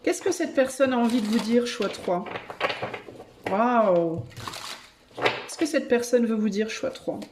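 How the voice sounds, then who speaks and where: A woman reading tarot cards and channeling for her viewers, with a fairly high voice. She thinks aloud as she goes and often bursts into excited exclamations. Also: slow pace, pauses often, noisy background. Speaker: tarot reader and medium.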